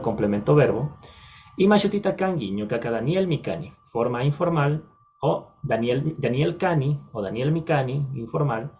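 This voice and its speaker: A man's voice: mid-range voice, dark tone, highs cut off. A man from Ecuador, teaching a recorded video lesson patiently, with frequent fillers and self-corrections. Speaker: language teacher.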